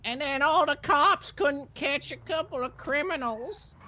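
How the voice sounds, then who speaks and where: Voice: high-pitched, a little slow, sharp tone, a little hiss or hum. A roleplay player putting on a disguised voice as a mocking, drawling kidnapper who calls people feller.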